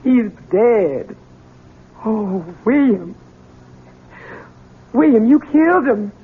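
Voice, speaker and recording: A woman's voice: fairly high pitch, expressive, extremely slow, slightly rough, full character voice. An actress playing an anxious, protective rural American mother of a grown son in a radio drama, folksy and imploring. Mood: alarmed, grieving. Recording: tinny band-limited old radio broadcast.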